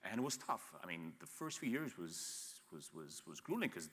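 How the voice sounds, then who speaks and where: Sounding like he's in a large hall, a man in his thirties who grew up in Ethiopia talks at a moderate pace in a low, husky, fairly bright voice with big pitch swings. Speaking as an entrepreneur in an armchair on a studio stage set, he gives candid panel talk, blunt and frank, with many restarts and repeated words.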